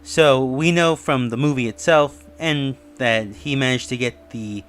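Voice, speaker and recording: A man with a medium-pitched, slightly bright voice hosts a video, offering casual, speculative commentary. He muses and rambles a little while music plays beneath him.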